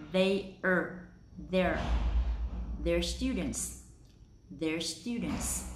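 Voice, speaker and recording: A woman's voice: medium pitch, slight background noise. Woman teaching pronunciation in an echoey room. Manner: slow, drawn-out model pronunciations. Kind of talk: pronunciation lesson.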